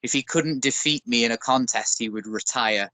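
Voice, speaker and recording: In this casual interview, the Northern English boxer, a man in his thirties who fights bare knuckle, talks with a medium pitch at a moderate pace. His tone is bright and forceful, the sound has no echo, and his humor as a guest stays dry and self-deprecating.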